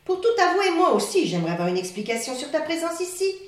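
A talking female sea turtle from a storybook, weary and calmly probing, voiced by a woman in a raised voice that swings up and down. It sounds set in a strongly echoing room, with the mic well away from her. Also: extremely high pitch, fast talker, pitched above the performer's own voice. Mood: wary. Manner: calm, questioning, slightly weary. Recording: echoey room, mic far off.

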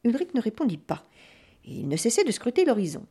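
A woman telling a story aloud in a dramatic, expressive storybook reading. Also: a little high, fairly quick, slightly rough.

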